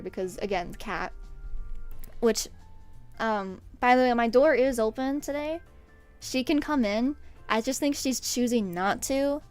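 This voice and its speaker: A young woman streamer chatting casually to her viewers, bubbly and excitable, often breaking into giggles. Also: on the high side, clean tone. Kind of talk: casual livestream chat.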